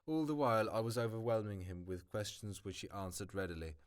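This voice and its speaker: A man's voice: fairly low pitch, a little fast, smooth. A man reading a novel aloud as a hobby, often stumbling and restarting words. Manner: stumbles, restarts and corrects words, remarks on the text. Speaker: hobby audiobook reader. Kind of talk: amateur audiobook reading.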